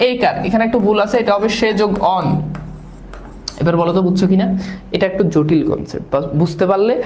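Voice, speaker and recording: High-voiced male teacher, echoey room. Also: darkish tone, faint music behind. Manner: repeats sounds slowly, asks students questions. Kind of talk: grammar lesson.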